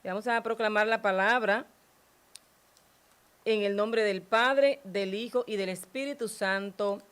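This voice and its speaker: A woman hosting a religious program, reading scripture aloud in a slow, devotional way and then asking the priest about it. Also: mid-range voice, steady tone, a bit bright, smooth. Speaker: host.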